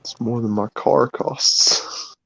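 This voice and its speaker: A man hosting a casual chat, reacting readily and quick to laugh. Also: medium pitch, fairly even intonation, vocal fry, pushed and bright, slightly rough, no echo.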